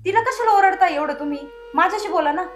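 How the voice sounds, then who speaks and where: A woman's voice: very high-pitched, fast, reverberant, a little hiss or hum. A woman playing a resolute young daughter. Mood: determined. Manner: firm, pleading to be heard.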